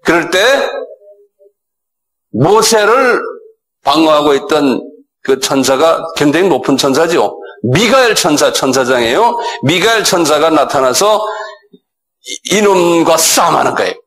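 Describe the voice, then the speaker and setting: Middle-aged man, pastor, lively sermon, slightly high voice, acts out scolding lines. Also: measured pace, pauses often, rough recording. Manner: animated, acts out dialogue with sudden raised pitch; asks listeners for assent.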